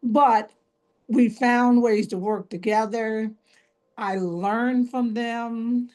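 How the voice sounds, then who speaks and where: A woman's voice: on the high side, steady tone, extremely slow, darkish tone. A middle-aged woman mentor giving chatty, self-deprecating closing remarks on a video call, often restarting her phrases. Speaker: youth mentor and coach.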